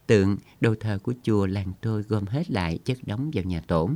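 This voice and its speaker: A man reading a story aloud in a steady, measured narration. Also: lowish voice. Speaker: audiobook narrator.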